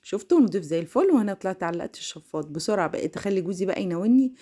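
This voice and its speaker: A young woman with an Egyptian Arabic accent, talking to her viewers in a chatty cleaning vlog. She rushes and laughs as she speaks. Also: medium pitch. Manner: fast, excitable, laughing, addresses viewers directly. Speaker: home vlogger.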